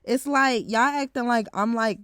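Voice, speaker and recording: A woman's voice: on the high side, moderate pace, fairly bright tone, no room sound, studio quality. A woman around twenty, talking frankly in a casual vlog, swearing now and then and saying "like" a lot. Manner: heavy use of filler "like". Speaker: vlogger.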